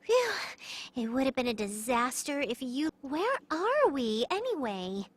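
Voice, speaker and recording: A woman's voice: high-pitched, very animated, a little slow, husky, full character voice. A woman voicing a bubbly, goofy young girl heroine in an anime-style game, playful and exclamatory. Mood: puzzled, playful.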